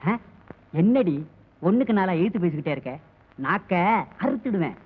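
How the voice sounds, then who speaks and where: A man's voice: high-pitched, big pitch swings, normal speed, slightly rough, full character voice. A bossy husband snaps sarcastic retorts in an old comedy scene. His voice comes through a tinny, phone-narrow film soundtrack. The delivery is classic 1940s screen acting. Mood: scolding. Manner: scolding, sarcastic.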